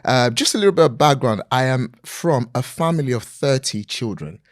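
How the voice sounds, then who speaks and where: A man, a podcast guest speaking earnestly and motivationally in a relaxed interview, often using fillers like "you know". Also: mid-range voice, moderate pace, no room sound, studio quality. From Nigeria. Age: 40s. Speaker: podcast guest, property investor.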